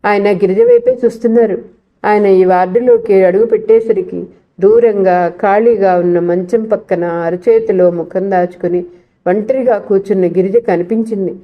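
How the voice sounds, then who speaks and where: Woman narrator, novel reading, mid pitch, muffled sound. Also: fairly even intonation, normal speed.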